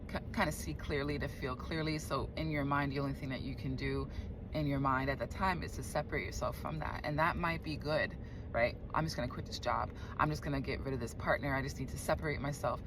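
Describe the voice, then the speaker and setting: Woman, low pitch, spiritual coach, earnest, reflective, halting repetitions, unscripted talk, noticeable background noise.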